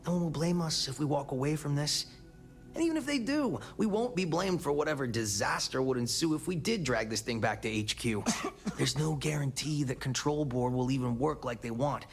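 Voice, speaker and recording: Game space operative: fretful, sardonic, gravelly and very animated. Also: male voice, fairly high pitch, normal speed, faint music behind. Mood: anxious. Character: anxious, wordy, wry male space operative. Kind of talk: video game character dialogue.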